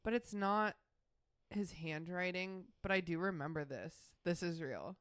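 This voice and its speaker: A woman with a slightly low voice reads her old writing aloud on a podcast and keeps breaking off for wry, laughing asides. The sound is dry and close to the mic. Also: animated, measured pace, no echo. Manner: joking asides, laughs often. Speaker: podcast co-host.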